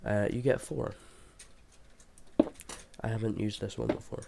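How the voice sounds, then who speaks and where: Sick sounding guy, low n croaky, kinda unsure walking thru his game build, bit of noise and clicking. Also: little pitch movement, unhurried. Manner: hesitant, thinking aloud as he explains. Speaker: video creator explaining a game build. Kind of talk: informal tutorial commentary over gameplay. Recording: clear background noise, mouse and keyboard clicks.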